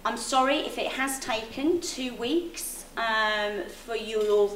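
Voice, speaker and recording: Responding to a complaint from a meeting panel, this health service official speaks slowly and hesitantly, trying to conciliate and saying "um" often. Her voice is a little high and a bit bright. The public hall makes the audio echoey, picked up by a distant mic with faint noise.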